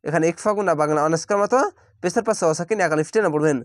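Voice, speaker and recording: A man teaching Quran reading, spelling out each word and drawing it out slowly, then explaining the rules at a quicker clip in Bangladeshi Bengali. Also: a little high, dry recording, studio quality. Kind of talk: spelled-out Quran recitation lesson.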